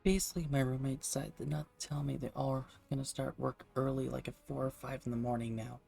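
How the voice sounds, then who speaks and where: Hushed, creaky streamer voice, sex unclear. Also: level tone, quick pace, soft background music. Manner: speaks low and hushed so as not to disturb roommates. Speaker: game streamer. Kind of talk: casual livestream chat over a game, kept hushed.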